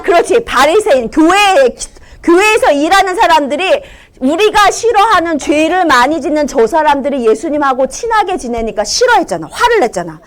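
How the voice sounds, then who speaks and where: Animated, high-voiced woman teaching preschoolers. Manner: animated, exaggerated storytelling voice. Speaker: children's ministry teacher. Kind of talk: storytelling sermon for preschoolers. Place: church classroom with children.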